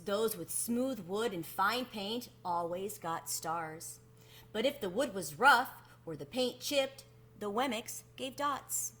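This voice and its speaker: A woman reads a children's picture book aloud like a storyteller, her fairly high voice expressive and deliberate, drawing out words for emphasis.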